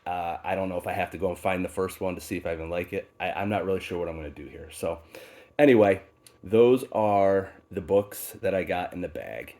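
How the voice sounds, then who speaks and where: This deep-voiced host of a book channel sounds congested with a cold as he does a laid-back unboxing, unhurried and full of ums and uhs. He's never on screen, speaking as an off-camera voice in a faceless video.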